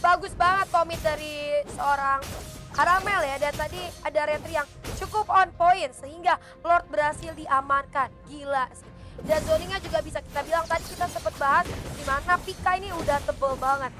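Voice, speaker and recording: A woman's voice: sits high, a little fast, music in the background. An Indonesian woman working as an esports caster, giving chatty, analytical commentary on a live match.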